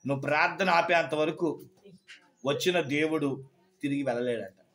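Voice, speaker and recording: Male pastor, high voice, storytelling sermon with questions to the congregation. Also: normal speed, a bit bright.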